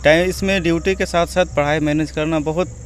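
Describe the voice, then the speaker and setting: A man's voice: on the high side, steady tone, fairly quick, a little hiss or hum. A man from Bihar, a railway employee, answering interview questions hesitantly while searching for words. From Bihar, India.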